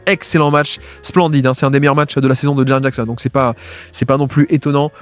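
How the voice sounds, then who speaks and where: Guy breaking down game film super fast, lots of uh and restarts, faint music under it. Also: mid-range voice, fairly even intonation, clear, resonant tone. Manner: fast, filler-heavy, restarts a lot. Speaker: basketball video analyst.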